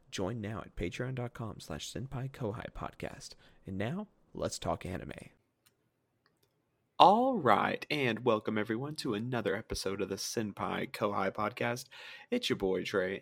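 Male podcast host, low gravelly voice, upbeat and easily amused. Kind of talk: casual podcast chat.

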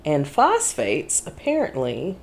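Lively, lower-voiced woman co-host, chatty and animated, swinging pitch widely. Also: slow pace. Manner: animated, chatty, laughs often. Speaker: podcast co-host. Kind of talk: casual chat.

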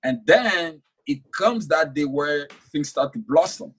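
As an author in a conversational interview, a young native French speaker talks earnestly, repeating words frequently while thinking things through. He sounds a little high and breathy, animated yet unhurried.

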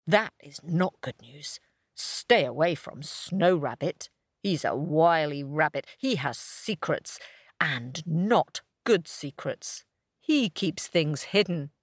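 A woman's voice: sits low, animated, takes it slowly, breathy edge, no room sound, studio quality, exaggerated voice. A woman voicing a grand, wary male snow leopard who speaks in a dramatic, ominous way.

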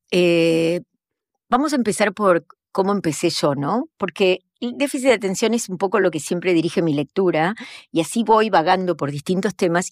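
A woman with a Rioplatense accent and a lowish voice co-hosts a podcast chat. She wanders through her explanations thoughtfully, and the sound is dry and close. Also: dry recording. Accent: Rioplatense Spanish. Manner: digressive and reflective, explains at length with many fillers. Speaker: podcast co-host.

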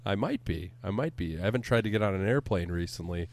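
Low-voiced man ranting on a podcast. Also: quick pace. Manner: animated profane ranting. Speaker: podcast co-host. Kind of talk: casual podcast banter. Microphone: studio microphone.

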